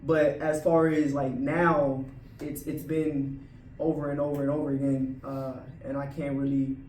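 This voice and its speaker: A man's voice: medium pitch, level tone, measured pace, darkish tone, recorded from a distance, slight background noise. A man in a casual discussion, talking in a laid-back way, full of fillers like "like" and "right". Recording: roomy audio from off-mic.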